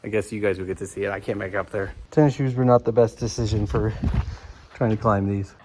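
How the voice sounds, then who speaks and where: A man's voice: fairly low pitch, fairly even intonation, fast. Travel vlogger, male, from South Carolina; wry outdoor hiking chatter on a noisy camera mic. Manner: wry, self-mocking jokes. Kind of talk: casual hiking vlog chat. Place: outdoors on a rocky hiking trail.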